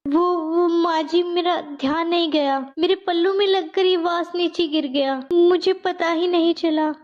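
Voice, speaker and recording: A timid young daughter-in-law from a storybook, voiced by a woman narrator, halting and apologetic. High, slow, on a dull lo-fi recording. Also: fairly even intonation, darkish tone. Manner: hesitant, apologetic.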